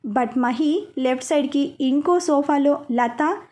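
High-voiced woman narrating a story. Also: takes it slowly, mellow.

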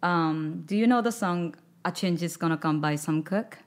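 In a studio with records lining the wall, a woman from Japan in her thirties, there as a guest singer, talks casually in her second language, English. Her fairly low voice is soft and halting as she pauses to search for words. She speaks into a studio mic on a boom arm.

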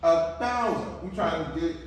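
Soft music plays as a husband and family-vlog co-host banters to camera at the breakfast table, his high-ish voice animated yet unhurried, with many restarts. The distant mic captures roomy echo and faint noise.

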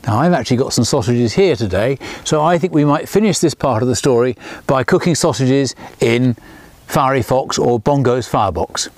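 A man in his sixties, a children's author, reads his own storybook aloud outdoors next to a small railway, speaking at a normal pace with no room sound. He's a lively storyteller who raises his pitch for the characters' lines.

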